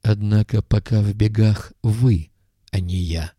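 A man reading an audiobook voices a stern, weary middle-aged intelligence chief who speaks in a measured, reproachful way. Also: lowish voice, fairly even intonation, mellow, breathy edge, dry recording, clean studio sound.

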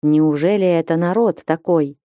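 A woman narrating a fantasy novel as an audiobook in steady storytelling. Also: low-pitched, normal speed, no room sound, muffled recording.

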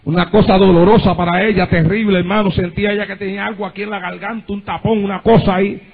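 A man preaching a sermon as a pastor, fervent and full of praise interjections, rising at times to impassioned shouting. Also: high voice, flat delivery, fast talker, gravelly, narrow, tinny audio, faint music behind.

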